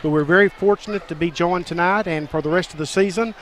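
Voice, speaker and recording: A man's voice: high voice, fast talker, a little hiss or hum. A man doing play-by-play for a college basketball webcast, reeling off records and stats in a formal broadcaster manner. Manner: formal, stat-heavy broadcaster delivery. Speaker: play-by-play announcer.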